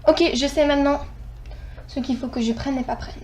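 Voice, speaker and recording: Chatting loosely over her gameplay, this gaming channel host is excitable, rambles, and keeps correcting herself. She speaks at a brisk pace in a high register.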